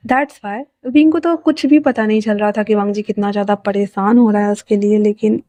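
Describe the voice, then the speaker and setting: A woman's voice: medium pitch, steady tone, moderate pace, dark tone, dry recording. A woman narrating a fan-fiction story in a chatty, colloquial way, dropping in English words.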